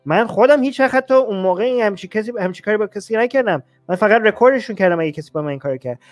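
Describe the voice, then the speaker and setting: Male stream host, high voice, argumentative and questioning, faint music underneath. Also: expressive. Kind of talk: live stream chat with callers.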